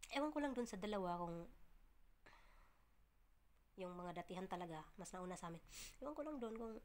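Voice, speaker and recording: A woman vlogging casually to her viewers, chatty and full of fillers and restarts, often laughing and breaking off to cough or clear her throat. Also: lowish voice, animated, a little fast, slight background noise. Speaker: vlogger, domestic worker abroad.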